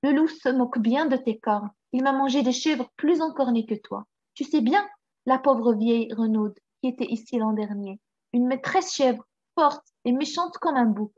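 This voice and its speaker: A woman's voice: fairly high pitch, moderate pace, darkish tone, lightly acted. A woman voicing a kindly, worried old goat farmer in a storybook reading, fretful and pleading. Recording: slightly dull recording.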